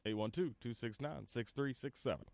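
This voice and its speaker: A man's voice: medium pitch, normal speed, vocal fry, darkish tone, no echo. A man with an American Midwest accent co-hosting a sports radio show. He chats easily and laughs along with his partner. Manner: laughs easily, talks in long, searching sentences. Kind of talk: casual sports talk radio banter.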